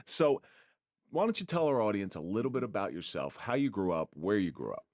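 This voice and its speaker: A man's voice: lowish voice, very animated, a little fast, dry recording, studio quality. A middle-aged man hosting a podcast interview, chatty and given to restarting his sentences. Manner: talkative, repeats words when starting a thought. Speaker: podcast host. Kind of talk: casual interview chat.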